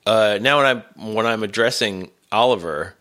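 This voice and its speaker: A middle-aged man with a gravelly, congested voice from a cold, chatting casually and hesitantly as a podcast host. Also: fairly low pitch, normal speed, pushed and bright. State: has a cold.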